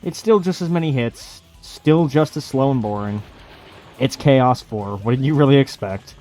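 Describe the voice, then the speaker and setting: A man's voice: mid-range voice, normal speed, mellow. Sweary man doing gaming commentary. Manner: sarcastic, sweary, complaining. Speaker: let's play host. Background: video game music.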